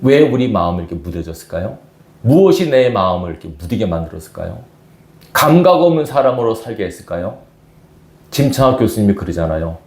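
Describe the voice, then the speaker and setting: A man's voice: lowish voice, sing-song, a little fast, a little mellow, reverberant. A man preaching a sermon as pastor to his congregation, often asking them questions. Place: church sanctuary.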